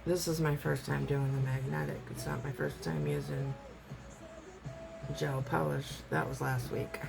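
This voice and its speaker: Female amateur tutorial host, rough smoker's rasp, very gravelly, unhurried, rambling casual chat with music behind. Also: low-pitched, fairly even intonation, rough recording. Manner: rambling, self-deprecating, loses train of thought.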